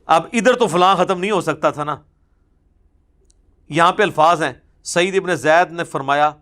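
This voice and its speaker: A man's voice: a little high, fairly bright tone. A man giving an impassioned religious lecture, recounting traditions with emphatic repetition in touched by a lilt. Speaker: religious speaker.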